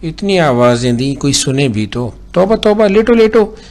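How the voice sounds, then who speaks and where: A man voicing a harried middle-aged housewife who scolds her child and fusses over her sick husband. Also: very animated. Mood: flustered. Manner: shrill, scolding, quick to snap.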